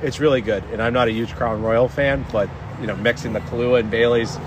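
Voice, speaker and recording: A man's voice: medium pitch, steady tone, fast, background noise. A man co-hosting a casual podcast, chatty, often stumbling and repeating words. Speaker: podcast co-host.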